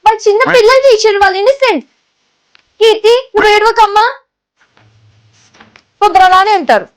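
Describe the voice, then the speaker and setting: A bossy, indignant schoolteacher bickers with her rival. Her voice is very high and she talks fast. It is a comedy sketch. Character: bossy young female teacher, petty rival.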